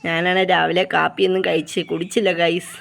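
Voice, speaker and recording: A woman vlogging about her puppies in a casual chat, coaxing them softly and repeating herself. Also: on the low side, little pitch movement, a little fast, gravelly. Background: puppies whining.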